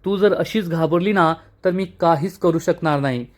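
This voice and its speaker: Determined young woman, soothing but firm, voiced by a man, somewhat high pitch. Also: moderate pace, lightly acted. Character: resolute young woman, calm and reassuring.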